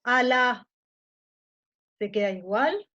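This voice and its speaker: A woman's voice: a little high, expressive, takes it slowly, pushed and bright. Mexican woman teaching French, lo-fi. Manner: explains in Spanish, checks understanding often. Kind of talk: online class lecture. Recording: muffled lo-fi audio.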